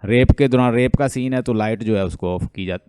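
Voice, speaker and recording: A man's voice: medium pitch, brisk, clear, resonant tone, no room sound, clean studio sound. A man giving an online English literature lecture, repeating points and asking the class questions he answers himself. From Pakistan. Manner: lively and repetitive, asks questions to the class then answers them; mixes English terms into Hindustani speech.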